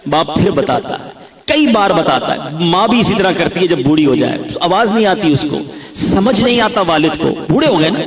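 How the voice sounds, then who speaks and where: A man's voice: high voice, a bit bright, roomy sound, low-quality recording. A man from Karachi preaching a sermon to a gathering, dramatic, acting out dialogue and asking rhetorical questions. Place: gathering near a graveyard.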